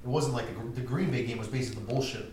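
A man's voice: medium pitch, rapid-fire, a little mellow, a little hiss or hum. Young man, laid-back sports talk, casual swearing, echoey distant sound. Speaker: podcast co-host. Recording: echoey room from far off.

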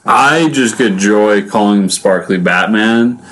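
A man hosting a casual comic book podcast, speaking in a slow, drawn-out, wry way. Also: lowish voice, a bit bright. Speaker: podcast host. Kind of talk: casual chat.

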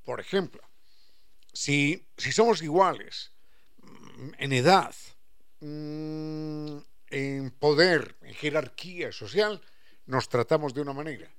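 A man giving an expressive explanatory talk, acting out quoted phrases and stretching key words. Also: fairly high pitch, slow, long pauses. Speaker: speaker explaining language history.

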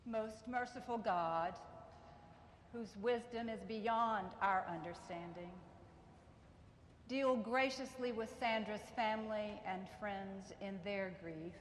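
A woman reading a formal funeral prayer, solemn and deliberate, in a large echoing cathedral. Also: mid-range voice. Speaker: clergywoman. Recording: cathedral echo, long reverb, background noise.

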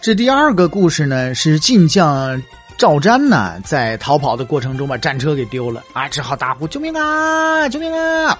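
A man's voice: medium pitch, lively intonation, moderate pace, faint music behind. A man, telling history as humorous, chatty storytelling with wry asides.

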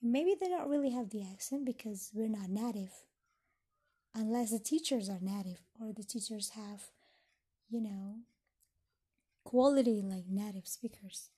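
Her voice medium in pitch, mellow and husky, a young woman from Indonesia who speaks Indonesian natively talks unhurriedly about learning English, pausing often. In this educational podcast she explains thoughtfully and reads points off a handout.

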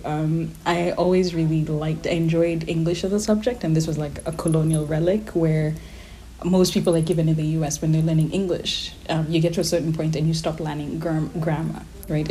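A woman's voice: low voice, dark tone, a little hiss or hum. A woman in her thirties from Kenya with an American-sounding accent and a slight Kenyan trace, speaking reflectively and casually in an interview. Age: 30s.

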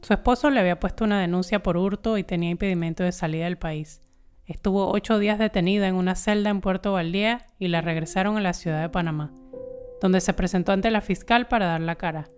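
A woman reading scripted documentary narration in a steady, measured way. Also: lowish voice, soft background music.

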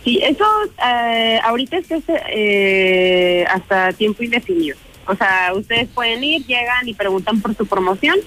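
A woman's voice: mid-range voice, animated, moderate pace, a bit bright, low-quality recording. A woman with a Mexican accent giving a conversational radio promotion, explaining an offer in a chatty way. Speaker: restaurant representative promoting an offer.

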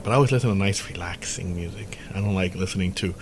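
Low-voiced man telling a rambling story. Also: quick pace, slight background noise. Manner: rambling, animated storyteller who acts out dialogue. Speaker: podcast host. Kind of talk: casual storytelling chat.

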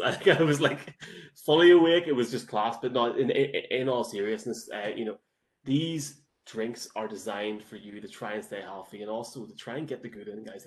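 An Irish man hosting a sports show in a casual, chatty and enthusiastic way. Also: fairly low pitch.

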